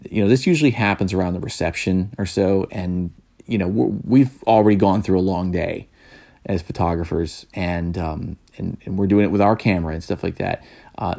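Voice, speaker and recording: A man with a low, gravelly voice talks casually as a wedding photographer giving advice. He rambles, circles back and repeats himself, and he gets blunt and a little worked up. The tone stays loose and conversational. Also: a little mellow. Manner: rambling, many restarts and repeated words.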